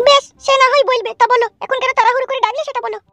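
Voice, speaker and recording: A pushy young cartoon wife, voiced by a woman who pesters with question after question. She speaks. Her voice is very high and bright, and she talks very fast. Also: fairly even intonation, no room sound. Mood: impatient.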